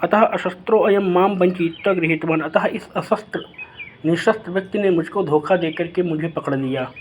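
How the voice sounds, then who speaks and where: A man's voice: sits high, moderate pace, a little hiss or hum. A male teacher reads out Sanskrit text line by line and explains each one in simple paraphrase, lifting his voice for the characters' lines. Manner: raises his voice when reading the lines of characters.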